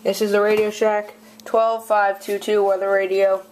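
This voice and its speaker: Filming indoors at a home desk, the host talks through a collection in a casual product show-and-tell, halting and frequently clearing their throat or coughing. Pitch is medium with little movement. Sound comes from the handheld camera's own mic, noisy and clicky.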